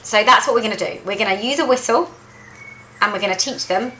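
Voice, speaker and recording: A woman presenting a dog-training lesson, lively and emphatic, who repeats her key points. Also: on the high side, fast talker, very noisy. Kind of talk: instructional talk to camera.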